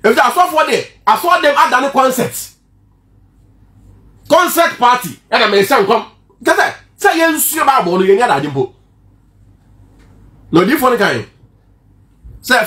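A man with a Ghanaian accent preaching a sermon, lively and full of rhetorical questions, mixing two languages. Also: extremely high pitch, roomy sound. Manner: animated preaching, switching between Twi and English, rhetorical questions.

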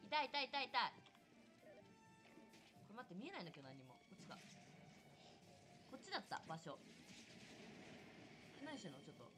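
A young woman chatting casually through a live game stream, excitable and talkative, yelping and shouting at what happens on screen. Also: mid-range voice, brisk, pauses often, music in the background. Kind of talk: casual live gameplay commentary.

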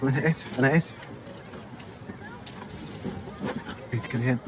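A man's voice: medium pitch, rapid-fire, noisy background, lightly acted. An actor playing a lonely overweight young man, nervous and polite, talking in flustered comic patter in a film comedy. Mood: panicked. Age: young adult.

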